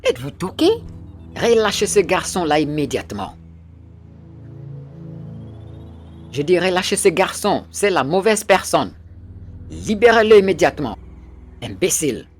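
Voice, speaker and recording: A commanding, short-tempered boss with a wide, swinging pitch, faint film score behind. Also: male voice, very animated, unhurried, faint music behind. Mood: furious. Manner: commanding, curt. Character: stern domineering man, quick to anger. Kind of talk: French film dub.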